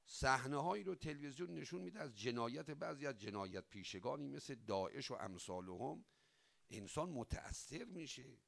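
A man delivering a religious sermon, voice rising loud and sinking soft, drawing out chanted prayers. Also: on the high side, creaky. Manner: dramatic rise and fall, swelling loud then dropping soft; chants quoted prayers with drawn-out emphasis. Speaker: cleric.

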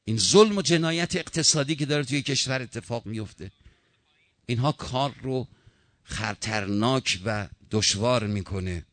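Impassioned preacher man, bright dry voice. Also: dry recording. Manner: impassioned, rising and falling in pitch. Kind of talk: sermon.

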